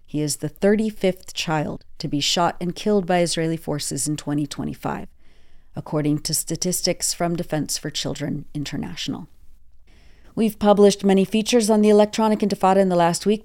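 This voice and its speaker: A woman hosting a newscast, reading quoted accounts in a measured, earnest way. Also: fairly low pitch, mellow. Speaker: news host. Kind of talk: scripted news narration.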